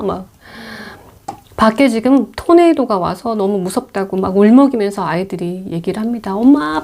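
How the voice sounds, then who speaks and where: Mellow-voiced woman retelling a film. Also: medium pitch. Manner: chatty, many fillers, acts out quotes. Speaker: movie mentor retelling films.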